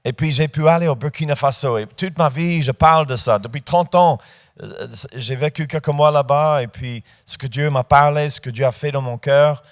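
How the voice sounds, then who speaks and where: A man's voice: on the high side, normal speed. A man in his fifties preaching a sermon in a church, talking informally with hesitations and rising to emphatic points. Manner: rises to emphatic, lifted delivery on key points.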